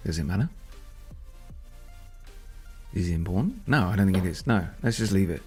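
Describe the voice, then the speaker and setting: A man's voice: deep voice, animated, moderate pace, faint music behind. A man thinking aloud and rambling as he codes on a casual live stream. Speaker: software developer live-streaming.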